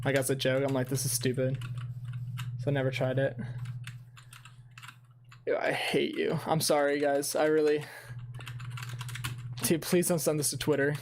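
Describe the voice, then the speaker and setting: A man's voice: a little high, flat delivery, normal speed, long pauses, a little hiss or hum. Rambling, profane young male streamer. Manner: rambling, profane, self-mocking. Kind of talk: casual livestream gaming chat.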